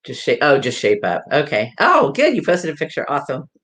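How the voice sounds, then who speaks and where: A woman's voice: deep voice, huge pitch swings, brisk, fairly bright tone. A woman hairdresser giving a live hair tutorial, chatting and laughing with viewers in a rambling way. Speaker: hairdresser and salon owner.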